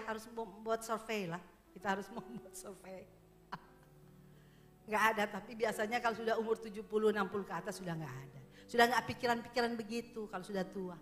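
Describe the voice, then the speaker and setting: A woman pastor giving a sermon in church, chatty and joking at first, then growing loud and emphatic as she exhorts the congregation. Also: medium pitch. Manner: conversational preaching, rising to emphatic exhortation, laughs with congregation.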